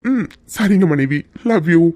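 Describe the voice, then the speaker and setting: A devoted young husband in a cartoon love story, coaxing his wife one moment and breaking down the next. A performer gives him a mid-range, mellow voice. The sound is dry and close. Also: mid-range voice, animated, slow pace, dry recording. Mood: teasing tender. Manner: coaxing, then breaking into tears. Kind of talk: cartoon voice acting.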